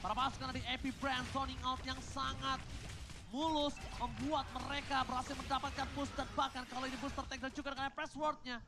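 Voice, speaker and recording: An Indonesian-accented esports commentator calling the match like an excited fighting game announcer, dropping English exclamations into the Indonesian. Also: high voice, a little fast, noisy background.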